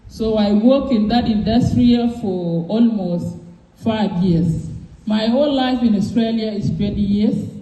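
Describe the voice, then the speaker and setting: A woman from South Sudan gives a campaign speech to a community gathering. She talks slowly in a mellow voice, halting often with fillers and restarts. The sound is echoey, as though picked up in a hall. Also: mid-range voice. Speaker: presidential candidate.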